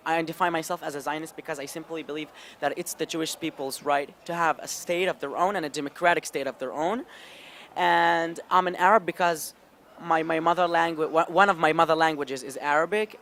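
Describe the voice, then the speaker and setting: Man from Israel, interviewee, eager and stumbling, slightly high voice, faint hiss behind. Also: a bit bright. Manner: eager, stumbling, with repeated restarts. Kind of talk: casual interview answers.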